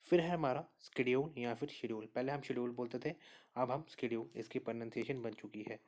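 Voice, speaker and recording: A man teaches a recorded exam prep class at an even, middle pitch. He walks through each option calmly, repeats the right answer and keeps checking in with his students. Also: fairly quick. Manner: steady explainer, repeats answers and says "okay" often. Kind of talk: spoken lesson walking through quiz answers.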